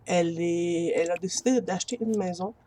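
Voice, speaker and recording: A woman's voice: fairly low pitch, brisk, warm tone, slight background noise. A woman with a Quebec French accent giving casual commentary over a video game. She chats to her viewers, laughs easily and talks into a built-in computer mic. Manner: chatty, addresses viewers as friends, laughs easily. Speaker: gamer.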